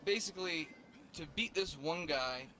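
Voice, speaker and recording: Young dude rambling and cussing, kinda high voice, lots of noise behind. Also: male voice, normal speed, pushed and bright. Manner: rambling, slangy, profane, laughs a lot. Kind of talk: casual chat.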